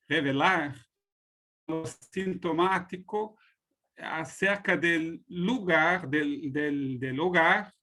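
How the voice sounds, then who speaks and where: Slow, halting man with a German accent. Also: fairly high pitch, fairly bright tone. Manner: halting, searching for words. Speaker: panel speaker at academic colloquium. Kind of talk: academic discussion, switching between Spanish and Portuguese.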